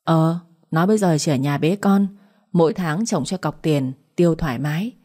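A woman voicing a harsh, spiteful middle-aged mother who taunts and curses in a shrill voice. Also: moderate pace, warm tone. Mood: scornful.

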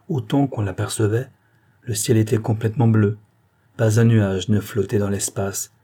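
A man narrating a classic novel as an audiobook, measured and even. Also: on the low side, breathy edge.

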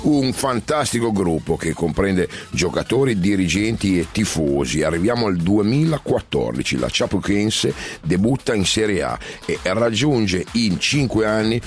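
Man, radio storyteller, lowish voice, lively emphatic intonation, conversational football narration, music bed. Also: moderate pace. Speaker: narrator and host. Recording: music playing under the voice.

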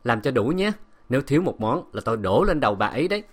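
A man's voice: medium pitch, sing-song, quick pace, husky. A harsh, contemptuous husband who barks orders and sneers, as a male narrator acts him out. His voice is raised and biting. Storybook audiobook reading. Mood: mocking. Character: cruel domineering young husband.

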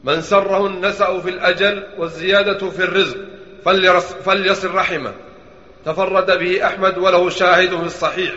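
قارئ بصوت عالٍ حاد في قاعة ذات صدى. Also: male voice, high-pitched, little pitch movement, bright, forceful tone. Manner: brisk formal recitation with some stumbles. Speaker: student reading a text aloud. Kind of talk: reading hadith chains aloud. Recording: echoey room, dull lo-fi recording.

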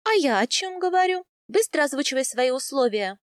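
A woman reading aloud, voicing a spirited young wife who pleads, coaxes and flares up in a raised, bright voice. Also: high-pitched, expressive, brisk, dry recording, studio quality, pitched above the performer's own voice. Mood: pleading. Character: spirited young wife, quick-tempered and coaxing.

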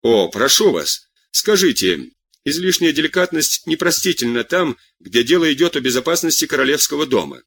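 A man's voice: fairly high pitch, big pitch swings, normal speed, fairly bright tone, husky, voice pushed up, heavily acted. A man voicing a proud, jealous young count who presses his questions insistently.

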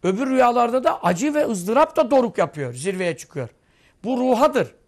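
A man's voice: very high voice, very animated, normal speed. A man giving a sermon, telling vivid stories and asking rhetorical questions. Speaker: preacher.

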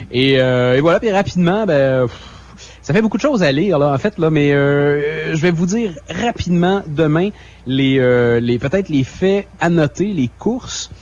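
A man's voice: fairly high pitch, lively intonation, unhurried, a little mellow, muffled recording. A man co-hosting a radio show, reading out a schedule with many fillers and self-mocking asides. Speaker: radio co-host.

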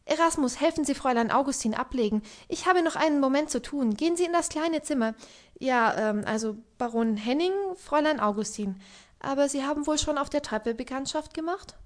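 A busy young hostess, read by a woman in an audiobook. She speaks quickly and lightly in a fairly high voice, warm but rushed. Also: close to an everyday voice. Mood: hurried, warm. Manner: hurried, lively and tired.

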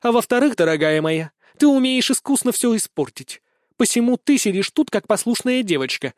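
A man's voice: high voice, expressive, a little mellow, dry recording, studio quality, pitched above the performer's own voice. Man doing a stern aristocratic mother. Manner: stern, measured and condescending. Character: strict, commanding aristocratic mother. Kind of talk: audiobook character voice.

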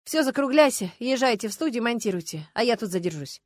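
A woman's voice: a little high, animated, brisk, no room sound, studio quality, voice pushed up. A woman voicing an eager, theatrical woman TV journalist with showy presenter patter in an audiobook. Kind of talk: audiobook character voice.

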